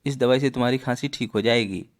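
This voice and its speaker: A man's voice: medium pitch, fast talker, close to an everyday voice. A kindly clinic nurse played by a man gives patient, helpful instructions in a comic read-along.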